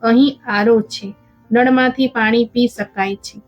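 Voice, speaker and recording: A woman's voice: on the high side, steady tone, a little slow, no room sound. Woman reading as a teasing young sister-in-law. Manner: teasing, mocking. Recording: dull lo-fi with faint music.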